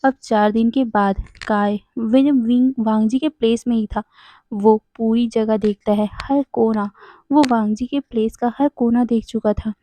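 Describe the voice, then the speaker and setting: A woman's voice: on the high side, steady tone, a little slow, mellow, dry recording. A woman narrating a fan story in a casual, conversational way, now and then correcting herself.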